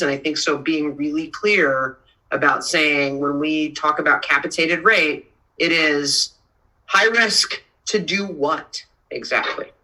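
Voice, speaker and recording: A woman's voice: low-pitched, sharp tone, poor audio. A woman speaking at a public policy council meeting, pressing her questions and repeating key phrases for emphasis. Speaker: council member.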